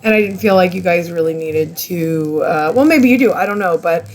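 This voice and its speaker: A woman's voice: on the low side, normal speed. A woman hosting an art channel, talking casually and enthusiastically through a tutorial while stumbling over product names. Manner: chatty, rambling, enthusiastic.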